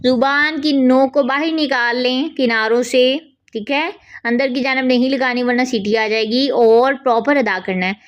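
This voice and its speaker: Patient woman recitation teacher, a touch high-pitched, drawn-out demonstrations, muffled lo-fi sound. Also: fairly even intonation. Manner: patient, repeats "theek hai" between drawn-out demonstrations. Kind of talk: tajweed lesson with demonstrations. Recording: dull lo-fi audio.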